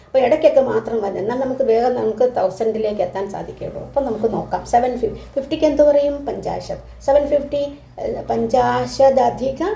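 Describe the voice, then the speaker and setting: Woman teacher, malayalam native, slow drawn-out recitation, dark mellow tone, echoey room heard from a distance. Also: fairly high pitch, slight background noise. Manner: switches between quick explanation and slow, drawn-out recitation. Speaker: Sanskrit teacher. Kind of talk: explaining lesson, slowly pronouncing terms. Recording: echoey room, voice somewhat far from mic.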